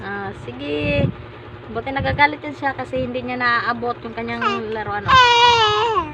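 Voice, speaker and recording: A woman's voice: high-pitched, expressive, a little slow, creaky, far from the mic, heavy background noise. A woman, cooing in singsong baby talk to her infant and chatting to her viewers. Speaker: mother vlogging her baby.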